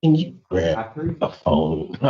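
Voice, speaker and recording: A man serving as judge, reading out sentencing and court orders in a measured, formal way, heard in a courtroom recording. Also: low voice, sing-song. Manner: measured, formal, with occasional fillers. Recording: dull, lo-fi courtroom audio.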